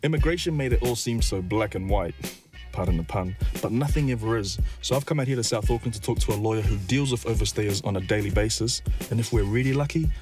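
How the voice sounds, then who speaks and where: A man from New Zealand reporting and interviewing for a magazine show. He talks fast in a lowish voice with relaxed slang, and clear music runs under him. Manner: brisk, slangy. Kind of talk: casual interview.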